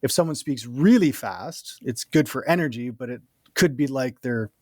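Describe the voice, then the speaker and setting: Brisk, lively communication coach, man. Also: medium pitch, dry recording, clean studio sound. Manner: lively, explanatory, quick bursts and laughs. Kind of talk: casual interview talk.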